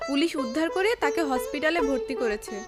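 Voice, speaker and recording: An actress playing an anxious, devoted young bride-to-be with melodramatic old radio show delivery. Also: female voice, high-pitched, brisk, over music, lightly acted. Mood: urgent. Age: young adult. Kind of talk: radio drama acting.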